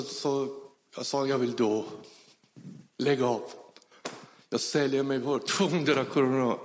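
A man telling his personal conversion story, animatedly acting out the dialogue, with halting, non-native phrasing. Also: medium pitch. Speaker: testimony speaker. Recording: reverberant hall.

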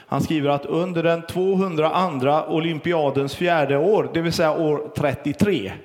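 A middle-aged man preaching a sermon as pastor, earnest and storytelling, with pauses and fillers. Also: fairly high pitch, in a large hall.

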